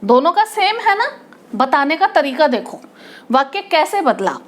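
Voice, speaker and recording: A woman's voice: high-pitched, sing-song, measured pace. A woman teacher explaining a grammar lesson, asking her class questions and restating each term in simpler words. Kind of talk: Hindi grammar lesson at a board.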